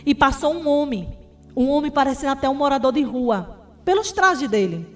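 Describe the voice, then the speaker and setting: A woman's voice: high voice, expressive, normal speed, soft background music. A woman evangelist giving a fervent testimony sermon in Brazilian Portuguese, often calling her listeners beloved.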